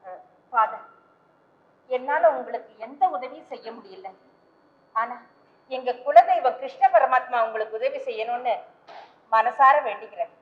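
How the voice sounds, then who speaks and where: A woman's voice: fairly high pitch, moderate pace, long pauses, close to an everyday voice. An actress playing a worried young mother confessing to a priest, hesitant and pleading in her delivery. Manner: pleading, hesitant with soft fillers. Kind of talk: vintage stage play acting. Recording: dull old stage recording.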